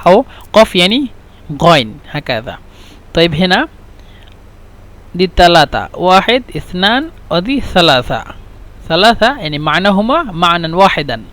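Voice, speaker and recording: High-voiced man teaching Arabic. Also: big pitch swings, fairly bright tone. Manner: slow, repetitive explanations mixing Arabic and English. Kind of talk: language lesson.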